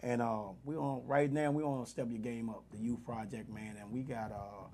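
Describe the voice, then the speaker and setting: A man hosting a radio show, chatting loudly and excitably with guests in DC slang, with lots of quick restarts. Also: medium pitch, a little hiss or hum. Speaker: radio host. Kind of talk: casual studio chat.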